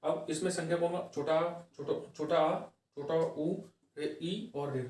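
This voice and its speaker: A man runs an exam-prep grammar lesson, asking questions and answering them himself. He repeats key phrases slowly and keeps checking in with a quick "okay". His slightly raised voice comes from some way off the mic in a reverberant room. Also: fairly high pitch, steady tone, a little mellow. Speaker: Hindi grammar teacher. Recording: echoey room, voice from far off the mic.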